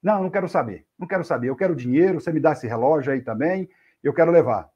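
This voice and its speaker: A man's voice: fairly high pitch, very fast, mellow, husky, highs cut off. A man doing a pushy street robber. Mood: demanding. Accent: Brazilian Portuguese. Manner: demanding, pushy. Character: rough poor young male street robber.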